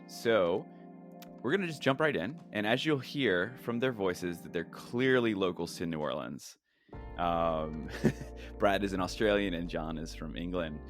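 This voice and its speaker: A male podcast host introduces his guests with easy, joking energy. His voice sits low. Faint music plays underneath. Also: lively intonation, measured pace. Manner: upbeat, joking. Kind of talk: casual podcast intro and interview.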